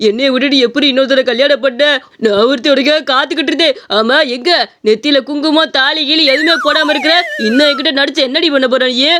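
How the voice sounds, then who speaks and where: A man's voice: very high voice, fairly even intonation, quick pace, sharp tone. A man voicing a dramatic, hot-headed, lovesick young man in a cartoon story. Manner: wailing, dramatic. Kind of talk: cartoon voice acting. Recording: audible background hiss.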